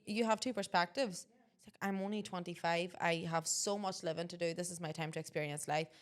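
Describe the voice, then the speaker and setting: A woman's voice: fairly low pitch, fairly even intonation, a little fast. A woman, co-hosting a podcast and making her points emphatically. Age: 20s. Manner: emphatic, opinionated. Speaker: podcast co-host. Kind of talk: casual chat.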